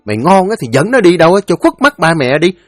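A woman's voice: on the low side, big pitch swings, fast talker, dry recording, studio quality, soft background music, pitched above the performer's own voice. A man voicing a fierce unmarried older sister, berating harshly. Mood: furious.

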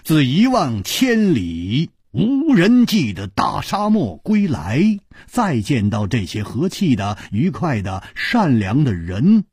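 A male storyteller narrating a novel with animated, expressive delivery. His husky, slightly low voice rises and falls dramatically. The recording is dry and close. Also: dry recording.

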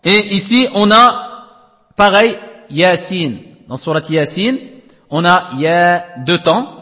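A man's voice: high voice, slow pace, sharp tone, in a large hall. A man teaching Quranic recitation rules in a classroom lesson, explaining step by step, checking understanding with frequent tag questions, and chanting letters at length.

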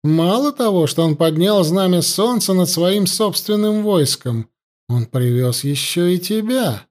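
A man voicing a cruel, imperious older high priestess in an audiobook, speaking harshly and with command. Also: expressive, unhurried, a little mellow. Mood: gloating. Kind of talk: audiobook character voice.

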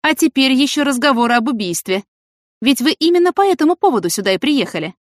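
Woman doing harsh female farm manager, sharp scolding delivery, dry recording. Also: on the high side, animated, a little fast, no room sound, voice pushed up.

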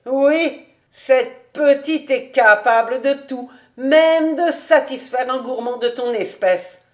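A woman's voice: high-pitched, takes it slowly, pitched above the performer's own voice. A woman voicing a kindly old male rabbi who talks earnestly and pleads fondly, in an audiobook reading.

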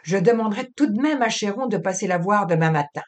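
A woman voicing a gentle young man who dotes on his cat, in a fond, coaxing tone. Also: medium pitch, animated, quick pace, close to an everyday voice. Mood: cheerful.

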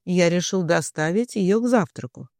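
A reader voicing a domineering young husband in a storybook reading, speaking gruffly and commandingly. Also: mid-range voice, moderate pace, darkish tone, no echo, clean studio sound, close to an everyday voice.

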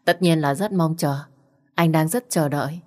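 A woman's voice: sits low, normal speed, warm tone, close to an everyday voice. A woman doing a keen young newlywed husband. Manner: upbeat, decisive.

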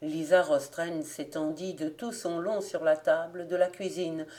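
A woman reads a folk tale aloud as an audiobook narrator. Her voice sits low and her pacing is measured and calm. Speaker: audiobook reader. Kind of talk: scripted narration.

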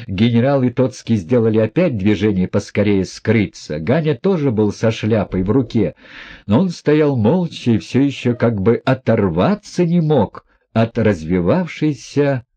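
Husky, mellow male audiobook narrator. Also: lowish voice, animated, unhurried.

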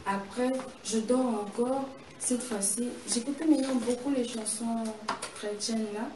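A woman vividly tells her personal testimony in conversation, acting out what happened. Her voice is on the high side, steady and measured, but the recording is echoey, distant and noisy.

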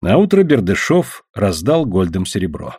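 A male audiobook narrator with an animated, rising and falling delivery. The sound is dry and close, with no room around it. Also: low voice, measured pace, breathy edge, dry recording. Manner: expressive reading, voicing characters.

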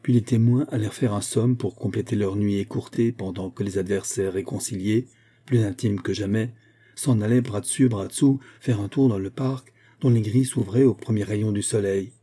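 A man narrates a classic novel in a measured, storytelling manner. His voice sits low, with a very dark, mellow warmth and a husky texture. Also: steady tone. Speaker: audiobook narrator.

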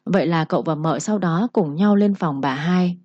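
Storyteller: woman, low mellow voice, dull dry recording, narrates and voices all parts herself. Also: normal speed, dry recording. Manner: reads every character's lines in her own voice.

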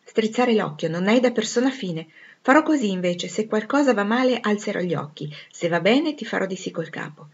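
A woman voicing a vain, proper young woman in a storybook reading, her voice raised higher than her narration. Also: animated, fairly quick, slightly rough, highs cut off. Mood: prim.

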